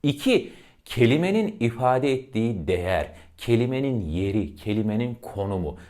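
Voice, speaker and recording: A man giving a lesson on intonation, addressing his listeners as friends and demonstrating each example by swinging between deep and high tones. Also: big pitch swings, moderate pace, a little mellow. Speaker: voice and diction teacher.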